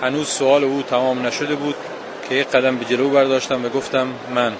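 A man reading aloud from a memoir for a radio audience in a plain, even way. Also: medium pitch, loud music behind the voice. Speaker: listener reading a book aloud.

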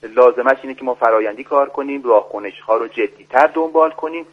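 A man calling in by phone as a guest expert on a radio show, speaking formally in a lecturing way with many pauses. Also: mid-range voice. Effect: voice heard over a phone line on the radio. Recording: dull lo-fi phone line.

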